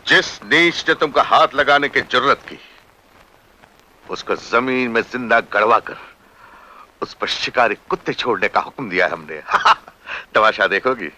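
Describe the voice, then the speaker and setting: A man's voice: medium pitch, a little slow, pauses often, sharp tone, slight background noise. An actor playing a cruel, scheming royal uncle who is a king, speaking in a menacing, commanding way. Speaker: villain. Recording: film soundtrack with music behind.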